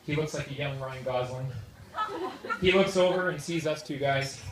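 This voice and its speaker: A man's voice: a little high, moderate pace. Echoey Canadian man giving a wedding toast. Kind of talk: wedding toast, humorous anecdotes and tribute. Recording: echoey noisy room, far from microphone. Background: loud audience noise and laughter.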